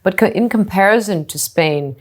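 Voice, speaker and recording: Speaking at a medium pitch, this co-founder and CEO of a hotel group, a middle-aged woman from Singapore, gives considered interview answers. She frequently stops to say "you know" and begins phrases over.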